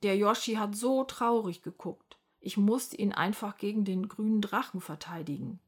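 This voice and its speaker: A woman reading a children's story aloud, voicing a proud, cheeky little girl who plays a princess and talks in a self-assured way, with a slightly breathy voice. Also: medium pitch, normal speed, close to an everyday voice.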